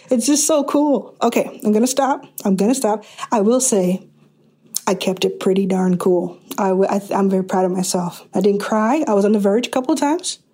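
Excited, breathless woman podcast host. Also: medium pitch. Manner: excited, restarts often, laughs. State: a little out of breath. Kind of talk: casual podcast intro and interview.

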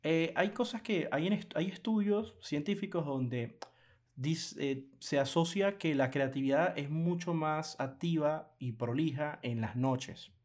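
A man co-hosting a casual podcast chat, animated and laughing often, acting out quoted clients in lively bursts. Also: a little high, unhurried. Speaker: podcast co-host.

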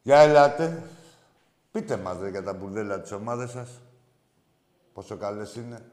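A low-pitched man hosts a call-in show, and his voice rings in a roomy, echoing space. He talks in a brash, crude way and teases his callers with loud banter and laughs. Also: animated. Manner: loud teasing with frequent laughs. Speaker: radio call-in show host.

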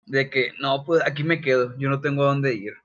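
A young man, co-hosting a casual podcast chat, slangy and full of swearing and animated asides. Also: mid-range voice, moderate pace. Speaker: podcast co-host. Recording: dull lo-fi sound.

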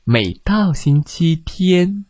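A man telling a bedtime story to children, gentle and expressive. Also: a little high, very slow, no room sound.

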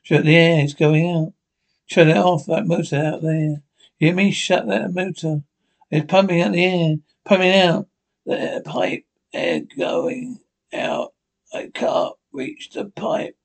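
A man's voice: fairly high pitch, moderate pace, creaky. A man playing a murderous old man in a horror radio play, with a menacing, theatrical delivery. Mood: desperate, panicked. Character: gloating murderous old man, panicking when trapped.

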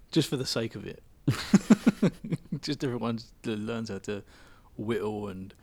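A man's voice: on the low side, takes it slowly, darkish tone. A British man co-hosting a podcast in casual comic banter, playfully riffing on absurd ideas. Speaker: podcast co-host.

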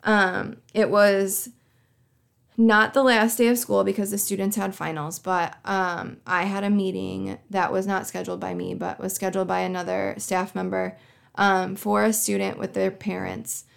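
A young woman talks through a long personal story on her podcast, and her voice has a gravelly, fried edge. Her pitch sits in a middle range. She leans into sarcasm and dramatic emphasis as she rambles on. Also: flat delivery, normal speed. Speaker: podcast host. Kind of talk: casual monologue.

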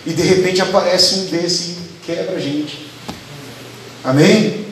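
A man's voice: sits high, steady tone, slow pace, a bit bright. A man with a Brazilian Portuguese accent preaching a conversational sermon, often asking the congregation for an amen. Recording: echoey room, mic at a distance, faint background noise.

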